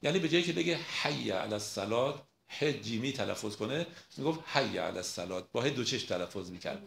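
A man giving a storytelling lecture on mystical poetry, who slows right down and draws out the lines when he recites verse. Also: mid-range voice, animated, gravelly, fairly bright tone, slight background noise. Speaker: lecturer on Rumi. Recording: roomy echo.

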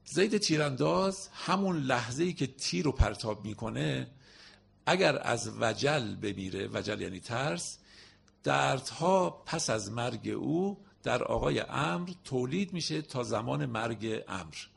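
A man giving a spoken lesson on classical poetry, explaining verses word by word and reciting lines slowly. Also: medium pitch, animated, gravelly, breathy edge.

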